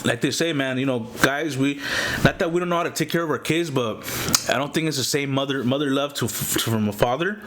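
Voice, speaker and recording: A man's voice: mid-range voice, fairly quick, noisy background. A man chatting casually to viewers as a mukbang vlogger, talking in an informal, slangy way and often checking in with the listener. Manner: informal slangy talk, repeated "you know what I mean". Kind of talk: casual chat to viewers while eating.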